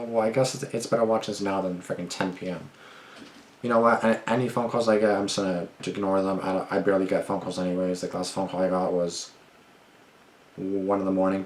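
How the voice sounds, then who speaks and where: A man's voice: low voice, reverberant, slight background noise. A young man hosting a reaction video, talking in a casual, jumpy way and swearing often. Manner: jumpy and nervous, swears freely. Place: dim room at night.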